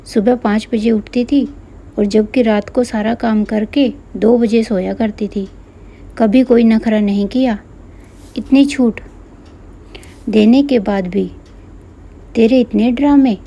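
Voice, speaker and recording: A woman's voice: fairly high pitch, fairly even intonation, takes it slowly, pauses often, mellow. A woman voicing a harsh, bossy middle-aged mother-in-law who scolds her daughter-in-law, in a storybook reading. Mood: scolding.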